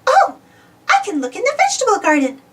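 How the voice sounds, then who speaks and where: A sweet girl cartoon mouse, voiced by a woman reader, lifted very high above normal talk. She muses in big pitch swoops for a storybook, a little far from the mic. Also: huge pitch swings, fairly quick, exaggerated voice. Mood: happy discovery.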